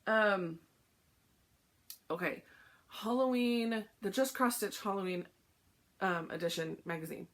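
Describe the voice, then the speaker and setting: A woman chatting casually about her cross-stitch projects, short of breath and filling pauses with "um". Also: mid-range voice. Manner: chatty, lots of "um" fillers. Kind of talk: casual show-and-tell chat.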